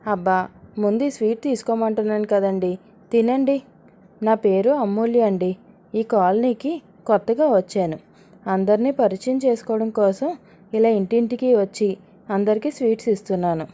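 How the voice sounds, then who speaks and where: Woman doing a bossy scheming young woman, low mellow voice, pushy and threatening. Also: normal speed, natural voice. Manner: pushy, commanding.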